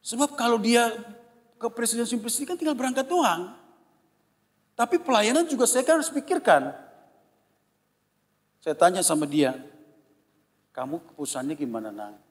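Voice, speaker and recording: A man in his fifties, a pastor giving a sermon with a personal testimony, telling stories with lively impressions of his children and congregation. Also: very high-pitched, moderate pace, pauses often. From Indonesia. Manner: animated storytelling, mimics his children and congregation. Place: church hall. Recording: long church reverb.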